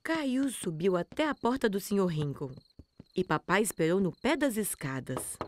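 A woman's voice: medium pitch, big pitch swings, normal speed, background noise. A woman narrator reading a scripted children's story for a cartoon.

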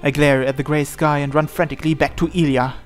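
A man reads a visual novel aloud as dramatic scripted narration over a game playthrough, recorded indoors with game music playing. His fairly high voice barely shifts in pitch, and he speaks quickly.

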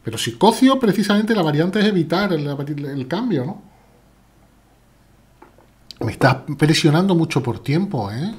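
A man's voice: fairly high pitch, animated, measured pace, pauses often, a little mellow, breathy edge. A man with a Spain Spanish accent, chatting playfully as he plays live chess and answers viewers' chat. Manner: chatty, playful, reads chat aloud while playing. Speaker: chess streamer. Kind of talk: live chess stream commentary.

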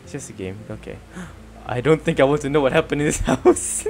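A man's voice: fairly high pitch, fairly quick, a little mellow, soft background music. A man streaming a video game, chatting casually in a rambling way, stammering and laughing often. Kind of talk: casual let's-play chat.

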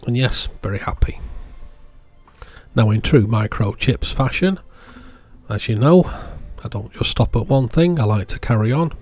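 Hobby electronics are explained in this casual product showcase voice-over by the channel's male presenter. His voice sits on the low side, a little mellow, and his manner is plain and relaxed.

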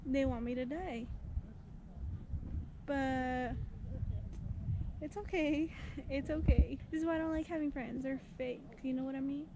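A woman's voice: sits high, unhurried, pauses often, dull audio, background noise. A young woman vlogging outdoors from a kayak on a lake, chatty and joking with frequent giggles, filmed on an action camera at arm's length. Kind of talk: casual vlog chat.

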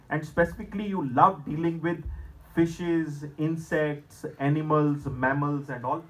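Male lecturer, middle-aged, Indian accent, slightly high voice, emphatic and measured delivery to students. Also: poor audio. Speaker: presenter at a school career seminar. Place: school hall stage, indoors at a podium.

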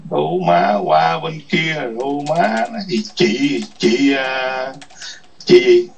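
A man's voice: medium pitch, big pitch swings, slow, gravelly, slight background noise. A man ranting in an online chat room, scolding and cursing with repeated taunting questions. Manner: foul-mouthed, scolding, repetitive taunts. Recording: distant muffled lo-fi mic.

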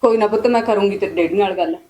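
A woman's voice: medium pitch, rapid-fire, warm tone, slight background noise, lightly acted. A woman playing a mother comforting her crying daughter and criticizing the match. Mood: consoling. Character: consoling mother doubting the match.

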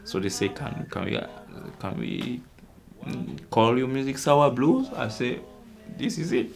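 A young Cameroonian man, a musician, answering interview questions in a halting way, with many fillers and restarts. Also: medium pitch, big pitch swings, gravelly, faint music behind. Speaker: musician guest.

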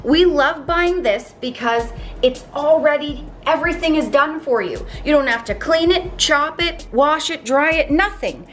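A woman's voice: high-pitched, animated, a little slow, hardly any pauses, a bit bright. Chatty woman explaining recipes, light music. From Canada. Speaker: vlogger. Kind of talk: casual cooking vlog. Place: home kitchen, indoors.

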